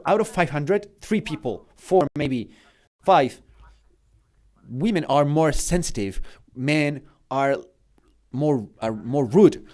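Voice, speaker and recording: A man's voice: mid-range voice, a little mellow. Middle-aged guy giving a keynote, earnest and punchy, choppy english. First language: Spanish. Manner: emphatic and earnest, in halting non-native English. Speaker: keynote speaker. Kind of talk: motivational conference talk.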